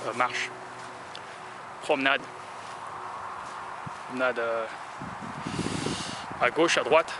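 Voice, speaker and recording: A man's voice: medium pitch, extremely slow, long pauses. Rambling man talking while walking outdoors. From France. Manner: rambling, hesitant, many filler sounds. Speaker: vlogger. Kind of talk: casual walking monologue. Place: outdoors in a town, walking in the sun. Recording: noisy outdoor street recording.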